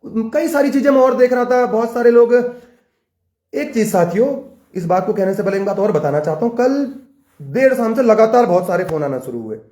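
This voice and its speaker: Fiery young man with a high voice. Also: animated, moderate pace, warm tone, roomy sound. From Uttarakhand, India. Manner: fiery, repetitive rallying rhetoric. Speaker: student leader. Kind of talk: impassioned political address to camera.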